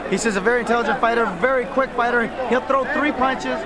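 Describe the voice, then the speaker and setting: A man's voice: very high voice, steady tone, fast. A man interpreting live, turn by turn, in a post-fight interview. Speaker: Spanish-English interpreter. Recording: very loud arena crowd, noisy.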